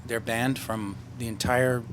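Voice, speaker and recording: A man's voice: medium pitch, steady tone, slight background noise. Joking male radio show host. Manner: jokey, quick interjections. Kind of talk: radio talk show banter.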